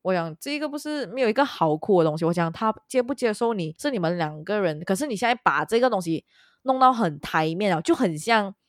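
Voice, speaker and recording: A woman's voice: medium pitch, lively intonation, brisk, no echo, clean studio sound. A woman co-hosting a casual chat, telling a long story and dropping English words into her speech. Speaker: podcast co-host.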